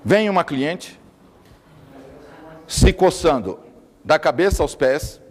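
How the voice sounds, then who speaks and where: A man's voice: on the high side, expressive, slow, darkish tone. A man giving an emphatic lecture, often repeating words for stress. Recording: long reverb of a hall.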